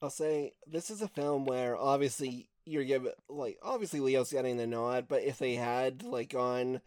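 A man talking casually about a film on a podcast, relaxed with wry asides. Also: medium pitch, moderate pace, no echo, studio quality.

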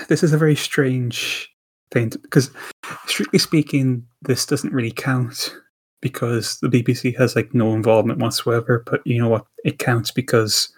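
A man's voice: medium pitch, steady tone, moderate pace, husky. A man co-hosting a podcast in casual chat, rambling with frequent fillers and restarts. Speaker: podcast co-host.

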